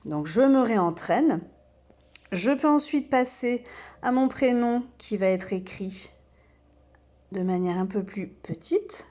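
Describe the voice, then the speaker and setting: A woman who teaches kindergarten, giving a slow and patient step-by-step demonstration full of small fillers. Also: fairly high pitch, lively intonation, a little mellow, dull audio.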